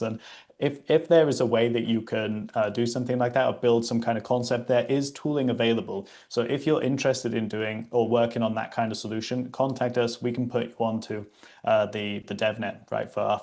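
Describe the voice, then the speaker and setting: A man's voice: mid-range voice, vocal fry, a little mellow. A British man hosting a livestream, presenting in a casual, chatty way with many fillers and restarts. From Britain.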